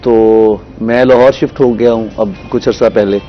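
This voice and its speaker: A man, a guest poet talking in an unhurried, reflective way on a morning show, with soft hesitations. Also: lowish voice, fairly even intonation. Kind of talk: conversational interview. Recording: dull, slightly muffled TV broadcast audio with faint music.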